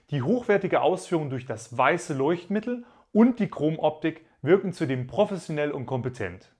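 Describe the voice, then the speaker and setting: A young man giving a formal, polite, scripted product presentation in a studio. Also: a little high. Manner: formal, polite, promotional delivery. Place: studio in front of a gray backdrop.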